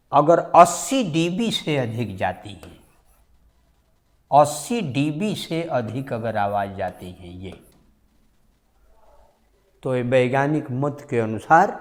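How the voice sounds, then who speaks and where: A man teaching a science class, repeating each key number and phrase slowly and carefully. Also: medium pitch. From India. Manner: slow, repetitive, stresses key numbers.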